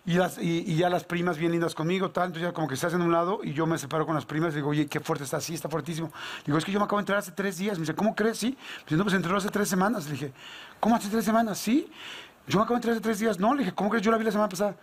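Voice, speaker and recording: Man, mexican spanish accent, high-pitched, rapid, animated storyteller. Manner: animated storyteller, acts out dialogue, slangy. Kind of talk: casual anecdote telling.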